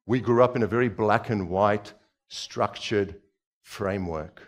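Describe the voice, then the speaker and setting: In a fairly low voice and at a measured pace, a Czechoslovakia-born preacher in his forties gives a conversational sermon. He walks the church stage wearing a headset mic and asks his audience questions.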